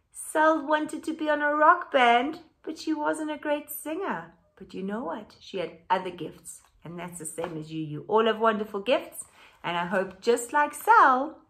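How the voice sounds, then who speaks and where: A middle-aged teacher reads a children's story aloud to her class from her living room at home, her voice a little high and her pace measured. She is expressive and exaggerated, pausing for questioning asides to her young pupils.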